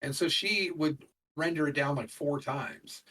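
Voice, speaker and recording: A man's voice: fairly high pitch, measured pace, bright, forceful tone, distant mic, low-quality recording. A middle-aged man co-hosting a podcast in casual chat, rambling with lots of fillers. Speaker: podcast co-host.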